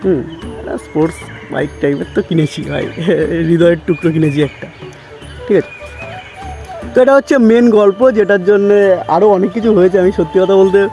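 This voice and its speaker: A young man with a fairly high voice tells a personal story straight to his own handheld camera, chatting casually with his viewers. Soft music plays underneath him the whole time. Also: normal speed, pauses often. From West Bengal, India. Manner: chatty, keeps saying "bhai" and "thik ache". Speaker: vlogger. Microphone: handheld camera, self-filmed.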